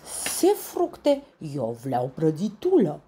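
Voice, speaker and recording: A woman's voice: low voice, sing-song, noisy background, voice pushed up. A woman voicing a bossy male lion king with a thick, lisping voice, for a children's storybook. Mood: demanding. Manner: bossy, roaring demands.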